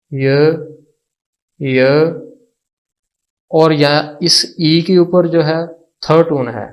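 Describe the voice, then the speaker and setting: A man's voice: fairly high pitch, low-quality recording. A man teaching a language lesson. He repeats each word several times and asks questions before answering them himself. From Pakistan. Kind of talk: slow, repetitive lesson explanation.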